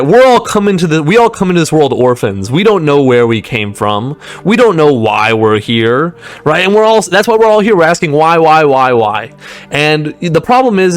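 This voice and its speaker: A young man in a rambling, meandering monologue, often restarting sentences and laughing between points. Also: a little high.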